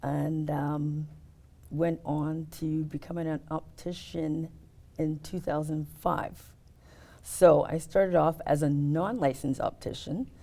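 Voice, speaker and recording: A middle-aged woman talking casually in an interview about her work as an optician, explaining step by step with many pauses. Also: low voice, fairly even intonation, warm tone. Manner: explains step by step, hesitant fillers.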